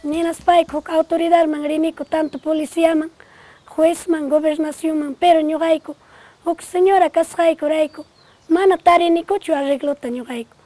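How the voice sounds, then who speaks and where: A woman from Peru interviewed for a documentary, making an earnest, steady appeal. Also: high-pitched, moderate pace, dry recording. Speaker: woman interviewed about justice.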